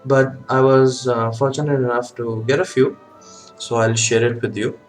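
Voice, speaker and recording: A man talking casually to a webcam as a hobby video host, in a halting way with frequent ums and pauses. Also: medium pitch, fairly even intonation, faint music behind, low-quality recording. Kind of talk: casual vlog talk. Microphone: webcam setup.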